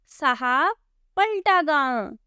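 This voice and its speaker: A woman's voice: high-pitched, lively intonation, extremely slow, bright, forceful tone, dry recording, studio quality, heavily acted. A woman voicing a flustered, simple middle-aged village man who earnestly pleads with a policeman in a storybook tale. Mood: pleading. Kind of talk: storybook voice acting.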